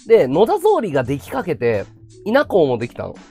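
Brief: chatty male streamer, pitch leaping all over, faint music in the background. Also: fairly quick, husky. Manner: chatty, animated, laughs a lot. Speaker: livestream host. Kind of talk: casual chat to viewers.

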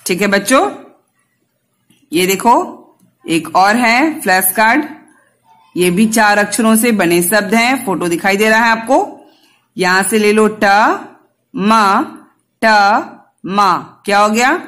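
A woman's voice: medium pitch, takes it slowly, long pauses, a bit bright. A woman teacher giving a Hindi lesson to young children, patiently spelling out letters and answering her own questions. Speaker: kindergarten teacher.

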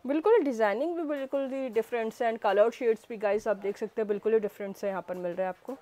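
Woman, Delhi Hindi accent, vlog host, enthusiastic, fairly high voice, shop setting. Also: fast, dark tone. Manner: enthusiastic, addresses viewers as guys, exclaims often. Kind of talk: market tour vlog.

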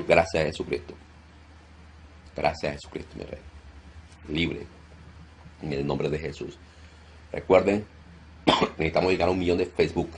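A male pastor leading a deliverance prayer, loudly commanding and rebuking in a forceful preaching style. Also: extremely low pitch, flat delivery, measured pace, pauses often, a little hiss or hum.

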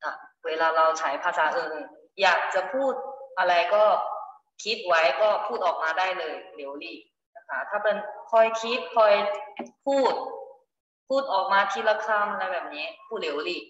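A woman's voice: on the low side, moderate pace, a bit bright, a little hiss or hum. A woman teaching a classroom vocabulary lesson, explaining patiently and repeating examples, recorded from a distance in a school classroom. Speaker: Chinese language teacher. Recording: echoey classroom, far off, dull.

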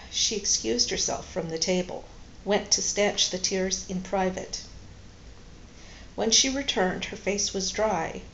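A woman calmly reading a novel aloud at home while doing a craft. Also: mid-range voice, gravelly, roomy sound, highs cut off, a little hiss or hum. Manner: calm, steady narration. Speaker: reader and crafting channel host.

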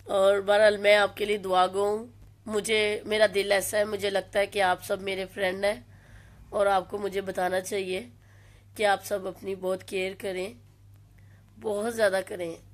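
A woman with a Pakistani Urdu accent, slightly hoarse from a flu, slowly greeting live stream viewers by name and teasing them. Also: mid-range voice, dry recording. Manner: slow, greets viewers by name, playful scolding. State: hoarse from a flu and sore throat.

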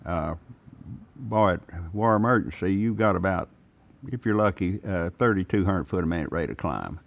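An older man with a very deep, low voice speaks in a plainspoken, drawling manner. He is a veteran pilot telling stories in a relaxed interview. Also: normal speed, vocal fry. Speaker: pilot and aircraft owner. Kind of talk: casual interview.

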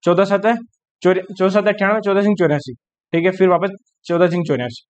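A man's voice: sits high, fairly even intonation, muffled recording. A man teaching an exam-prep math lesson, working sums aloud and often checking whether students follow. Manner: quick mental arithmetic aloud, frequent checking questions. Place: online class recording.

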